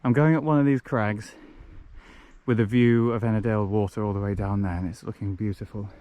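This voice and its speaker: A man's voice: lowish voice, fairly even intonation, a little fast, warm tone, no echo, muffled recording. A young man filming a hiking vlog outdoors on a handheld camera, chatty and self-mocking, rambling through restarts. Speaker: hiking vlogger. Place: outdoors on a wooded fellside. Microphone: handheld action camera.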